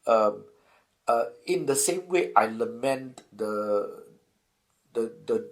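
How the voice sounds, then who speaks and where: Middle-aged Singaporean lecturer, gravelly and relaxed, interview answers with lots of restarts. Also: male voice, medium pitch, takes it slowly. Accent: Singaporean English. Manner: thoughtful, many restarts and rhetorical "right?".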